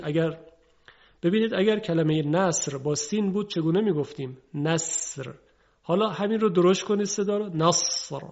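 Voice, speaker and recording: Patient male pronunciation teacher, slightly high. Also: a little mellow, highs cut off. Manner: patient, drawing out example words slowly for contrast. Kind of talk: broadcast pronunciation lesson.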